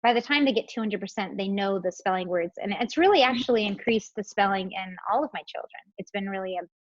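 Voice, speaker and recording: A woman's voice: medium pitch, fast, no room sound. A woman pastor hosting a casual panel discussion, explaining things in a chatty way with many fillers. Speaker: pastor and host. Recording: dull lo-fi, dry sound.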